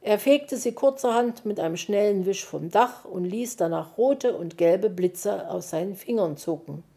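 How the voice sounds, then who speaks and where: A woman reads a children's story aloud at an unhurried pace. Her tone is mellow and soft, and she tells the story gently. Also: lively intonation. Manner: slow, gentle reading that jumps into higher voices for the animal characters.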